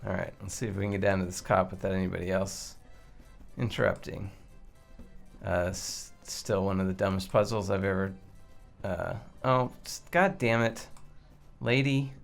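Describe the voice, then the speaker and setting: A man's voice: low voice, steady tone, moderate pace, creaky, soft background music. A man giving casual, exasperated gameplay commentary, grumbling and swearing as he plays. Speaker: game player and commentator.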